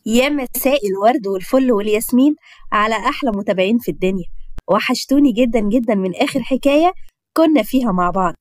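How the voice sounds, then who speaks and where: A woman's voice: a little high, lively intonation, quick pace, no echo. A woman with an Egyptian accent who greets her followers and narrates a first-person story in a chatty way. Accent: Egyptian Arabic. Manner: warm, chatty, addresses followers directly.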